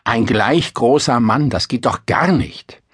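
A man voicing a sharp-tongued, theatrical young princess in a storybook reading. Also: mid-range voice, animated, takes it slowly, breathy edge, no echo, studio quality. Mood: mocking. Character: haughty, mocking young princess.

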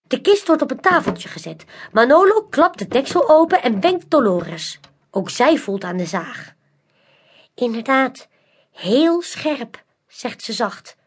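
A woman narrating a children's audiobook with an expressive, animated, carefully paced delivery. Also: sits high, unhurried, breathy edge.

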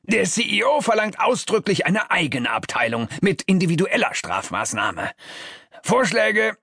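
A man voicing a hot-tempered devil father who runs hell, gruff, impatient and prone to shouting. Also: sits high, big pitch swings, measured pace, dry recording, clean studio sound, pitched above the performer's own voice, exaggerated voice. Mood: brusque.

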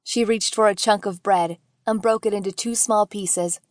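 A woman audiobook narrator reading fiction in a measured, gentle storytelling manner. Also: medium pitch, steady tone, dry recording, clean studio sound.

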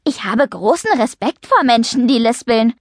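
Woman doing a calm, matter-of-fact schoolboy. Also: fairly high pitch, normal speed, dry recording, clean studio sound.

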